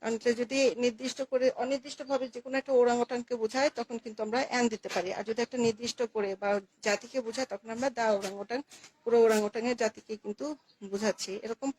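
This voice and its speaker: A woman's voice: a little high, darkish tone, slight background noise, rough recording. A woman teaching English grammar to young students, patiently repeating key words and answering her own questions. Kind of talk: classroom lesson explaining articles.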